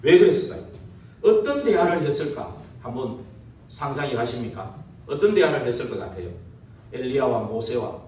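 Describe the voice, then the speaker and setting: A pastor with a mid-range, darkish voice preaches very animatedly at normal speed during a church service. He keeps asking the listeners rhetorical questions and confirming their agreement with tag questions. The sound comes from far off in a very echoey sanctuary, with slight hiss or hum.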